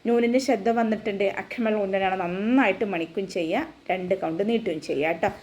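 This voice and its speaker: A woman's voice: mid-range voice, fast talker, darkish tone. A woman teaching an online recitation class, explaining pronunciation rules step by step in a patient voice.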